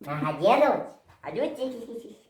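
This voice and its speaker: A family member in a home vlog, talking with a helium-distorted, high, squeaky voice after breathing from a balloon, teasing in drawn-out sing-song words. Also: sing-song, a little mellow. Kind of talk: playful casual chat. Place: small room at home. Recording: echoey room, faint hiss.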